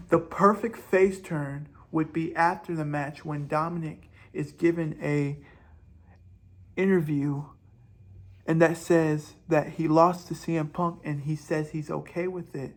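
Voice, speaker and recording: A man hosting a vlog, rambling through speculative wrestling storylines with hesitant restarts. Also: a little high. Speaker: host. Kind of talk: wrestling fantasy-booking commentary.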